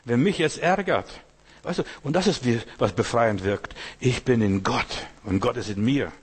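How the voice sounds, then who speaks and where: A man delivers a sermon in a husky, slightly breathy voice of middle pitch. He preaches with insistent repetition, stacking parallel phrases and turning often to the listener to drive each point home. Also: moderate pace. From Asia. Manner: repetitive, emphatic preaching with rhetorical questions to the listener.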